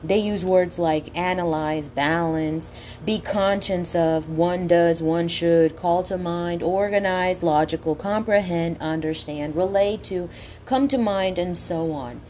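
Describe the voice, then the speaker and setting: A woman with a fairly low, dark and relaxed voice and a slushy lisp on her s sounds. She delivers a scripted motivational coaching talk emphatically and deliberately, tossing out rhetorical questions. There is some faint noise in the recording.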